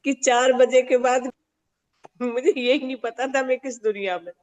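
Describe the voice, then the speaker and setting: A woman on an online group call, speaking earnestly with pauses while her audio keeps breaking up on a weak signal from a basement. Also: high-pitched, fairly even intonation, darkish tone. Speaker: meditation group participant.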